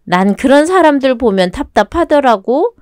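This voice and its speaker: A haughty, sharp-tongued mother-in-law in a radio drama, put on by a woman, her pitch pushed up high and swinging widely as she needles. The sound is close and dry. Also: animated, normal speed, clean tone, no echo. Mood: sneering. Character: domineering older mother-in-law, sneering and haughty.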